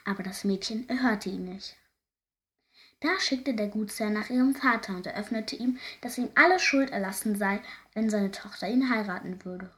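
A woman narrating a folk fairy tale in a lively, expressive way. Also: medium pitch, moderate pace. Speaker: storyteller.

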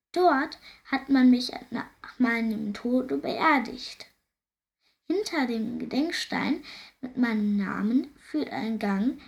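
A woman voicing a sighing, remorseful male ghost of an old squire in a storybook, in a high, plaintive, slow voice. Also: exaggerated voice. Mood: instructing.

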